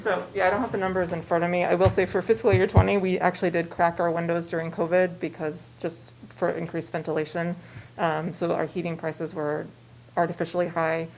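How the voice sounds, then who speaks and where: A woman's voice: fairly low pitch, flat delivery, a little fast, darkish tone. An American woman speaking through a face mask, slightly muffled, answering questions as a staff member at a public meeting. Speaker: library staff presenting a budget. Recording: muffled by mask, faint room noise.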